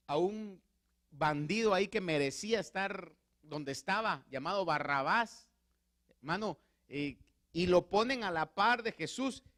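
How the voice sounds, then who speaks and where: A man, a pastor preaching a sermon in church, rising to loud emphatic peaks. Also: high-pitched.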